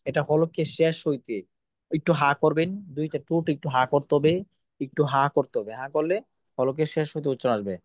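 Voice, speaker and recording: A man's voice: a little high, fairly quick, no echo. A man teaching Quran reading, drilling letter sounds over and over and sternly scolding pupils. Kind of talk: online class lesson, drilling letter sounds.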